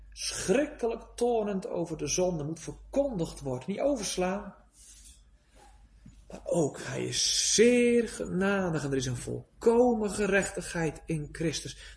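A man preaching a sermon in a church, pleading and fervent, swinging between hushed and loud. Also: high voice.

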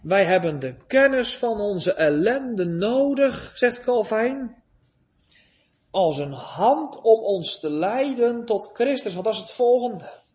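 A man delivers a sermon in a high voice. He speaks very slowly and solemnly, with long pauses. His pleas swell with emphasis. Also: lively intonation, darkish tone. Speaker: preacher.

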